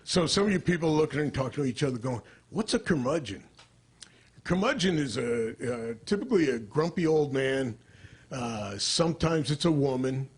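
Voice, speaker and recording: An older man performing stand-up comedy into a stage microphone, deadpan and dry, jumping into character voices. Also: mid-range voice, normal speed, slightly rough.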